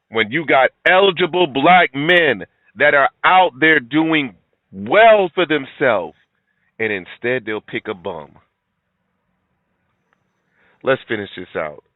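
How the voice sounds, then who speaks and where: A man's voice: mid-range voice, big pitch swings, slow pace, long pauses, no echo. A middle-aged man giving blunt, preachy reaction commentary, lecturing his listeners. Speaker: commentary video host. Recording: tinny, phone-like, dry sound.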